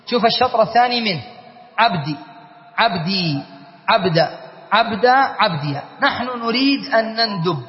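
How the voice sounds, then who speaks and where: A man with a very high voice gives a classical grammar lesson. He repeats each form and stops to ask whether his students follow. The recording is dull and lo-fi, with a long reverb trailing behind him. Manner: explains verse by verse, repeats key words, checks understanding. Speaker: sheikh teaching Arabic grammar.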